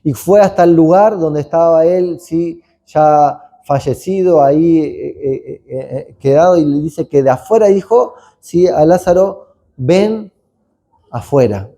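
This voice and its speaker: A man's voice: fairly high pitch, a little slow, hardly any pauses, dark tone. A male pastor preaching a conversational sermon, full of asides, tag questions like "¿no?", and acted-out sounds. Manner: conversational, rambling asides, frequent "¿no?" tags; acts out sounds and screams.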